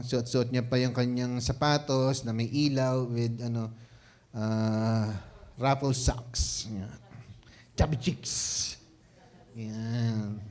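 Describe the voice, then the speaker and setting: Playful pastor preaching with laughter. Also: male voice, medium pitch, a little mellow. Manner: playful, laughs often, checks in with the congregation; mixes Tagalog and English. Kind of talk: conversational sermon.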